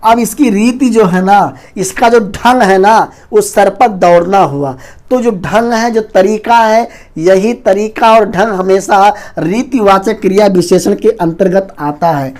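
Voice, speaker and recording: A man teaching an online exam-prep Hindi lesson, talking very fast and loudly and often calling the viewers his friends. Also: high-pitched. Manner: fast, rapid-fire delivery; loud, near-shouting teaching.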